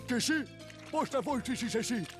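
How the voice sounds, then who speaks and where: A man's voice: extremely high pitch, animated. A man voicing a bossy, curt pizzeria owner giving orders in a cartoon dub. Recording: cartoon music behind.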